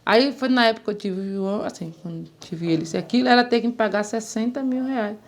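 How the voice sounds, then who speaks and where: A woman's voice: fairly high pitch, fast. A woman, telling a story in casual talk and acting out the voices she quotes. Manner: animated, acts out quoted voices. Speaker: interviewee.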